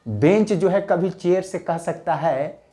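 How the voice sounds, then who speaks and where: A man's voice: high-pitched, a little slow, warm tone. A man with a Bihari accent giving a chatty, joking grammar lesson, asking questions and answering them himself. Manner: chatty and joking, asks questions then answers them, calls viewers sir. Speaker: English grammar teacher. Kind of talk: casual grammar lesson to camera.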